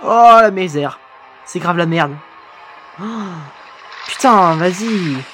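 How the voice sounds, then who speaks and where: Excitable young man shouting reactions. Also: high-pitched, slow, faint music behind. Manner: excitable, bursts into shouts and slang. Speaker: YouTuber reacting to an animation.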